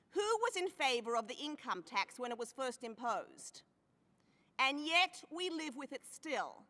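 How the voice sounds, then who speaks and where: A woman giving formal testimony at a hearing, stressing key phrases by slowing down. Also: sits high, sharp tone. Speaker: hearing witness. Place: large hearing room. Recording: long reverb of a hearing room.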